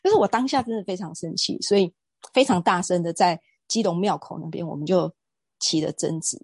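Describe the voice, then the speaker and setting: Husky-voiced woman, earnest guest. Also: on the low side, fairly quick, no echo. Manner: earnest, emphatic storytelling with hesitations. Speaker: guest speaker on sexual assault prevention. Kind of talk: casual conversational interview.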